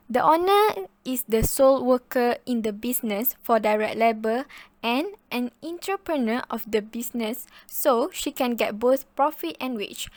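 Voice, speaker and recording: A woman's voice: a little high, dry recording. A young woman student introducing her group and reading a prepared class presentation in a formal way, going through a list of points.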